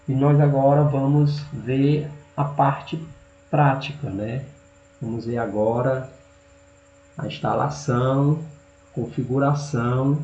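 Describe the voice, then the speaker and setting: Slow, halting Brazilian man in a roomy recording. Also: medium pitch, mellow. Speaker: presenter. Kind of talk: slide lesson, partly reading text aloud. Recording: roomy, dull audio with hum.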